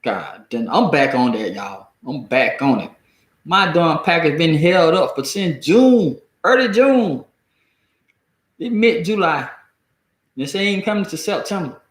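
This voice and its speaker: An American man with a deep Southern accent, reading and commenting casually on the news in a halting, folksy, colloquial way. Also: animated. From United States. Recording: echoey room.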